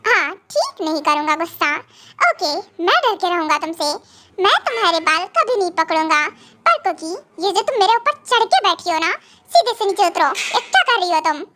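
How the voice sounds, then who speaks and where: A woman's voice: extremely high pitch, very animated, normal speed, pushed and bright, voice pushed down, full character voice. A woman voicing a stern, possessive young husband in a fan audio drama, scolding and then coaxing.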